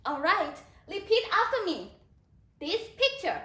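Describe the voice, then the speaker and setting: High, lively Thai woman teacher, hoarse. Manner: slow, sing-song prompting with repeated questions. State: hoarse, losing her voice. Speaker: kindergarten English teacher. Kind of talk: online children's lesson. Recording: echoey room.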